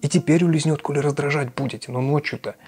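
A man voicing a drunk, excitable young male friend who blusters loudly. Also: on the high side, fast talker, faint music behind, voice pushed up, close to an everyday voice. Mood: urgent. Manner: loud, blustering.

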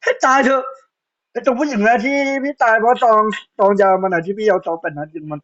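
A man's voice: high-pitched, expressive, quick pace, fairly bright tone. A man in his twenties chatting casually on a game live stream, blunt, slangy and full of swearing. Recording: dull lo-fi stream audio.

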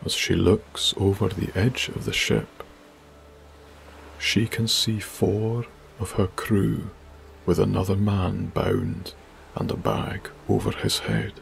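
A male narrator reads a bedtime story in a hushed, breathy way. His voice is very low and deeply gravelly with heavy fry. He takes his time over every phrase. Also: animated, slow, slight background noise. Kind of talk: slow sleep story narration.

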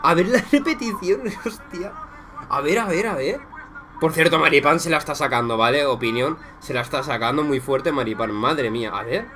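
Excitable young Spanish man reacting to football. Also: on the high side, normal speed. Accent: Spain Spanish. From Spain. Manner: excitable, swings between shouting at goals and muttering; casual and profane, talks to viewers as friends. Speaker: YouTuber reacting to a football match. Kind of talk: live match reaction commentary.

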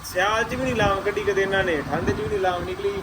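A man's voice: sits high, fairly even intonation, quick pace, background noise. Chatty Punjabi man with a Malwai accent. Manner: chatty, jokey, talks to boys and pets around him. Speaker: pigeon keeper vlogger. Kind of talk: casual vlog talk to camera.

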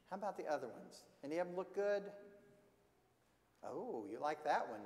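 Children's message: a lively male storyteller, fairly high voice, reverberant church sanctuary. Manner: animated, asks children questions. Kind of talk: reading a picture book to children. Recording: echoey church hall.

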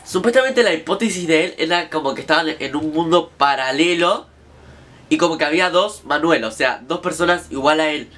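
A man's voice: fairly high pitch, a little fast, fairly bright tone. A young man with an Argentine accent, casually recounting a story to his viewers in a chatty, slangy way. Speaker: vlogger.

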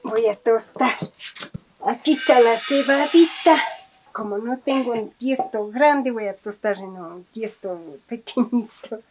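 A woman's voice: on the high side, slow, darkish tone. A middle-aged woman with an Andean Spanish accent, talking casually to camera through a cooking demonstration in a homely way, full of fond diminutives. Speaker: vlogger demonstrating farm cooking. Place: small indoor rustic kitchen with wood fire. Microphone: handheld camera or phone nearby. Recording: clearly noisy, clicking kitchen sounds.

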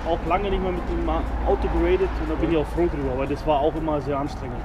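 Fast-talking young man outdoors at night. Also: a little high, level tone, lo-fi sound, very noisy. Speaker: friend. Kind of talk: casual chat. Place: city square at night.

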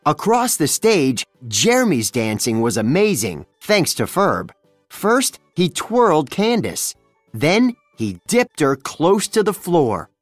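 A narrator reading a children's storybook aloud, with expressive storytelling. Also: medium pitch, slow pace, dry recording, faint music behind. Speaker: storybook reader.

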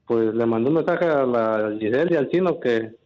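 A soft-spoken man from Mexico calling in to a radio show, speaking hesitantly. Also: medium pitch, normal speed, dull audio. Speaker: caller.

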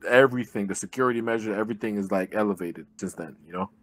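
Joining a video call from his living room on a webcam with earbuds, an army veteran and pro boxer, born in Jamaica and raised in Brooklyn, talks loosely as an interview guest. His voice is lowish, fast and fairly bright, and he swears freely and uses many fillers.

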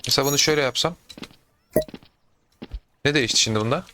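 A young adult man doing casual gameplay commentary, excitable, talking to himself and viewers with sudden yelps. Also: mid-range voice, quick pace, background noise. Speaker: gaming YouTuber.

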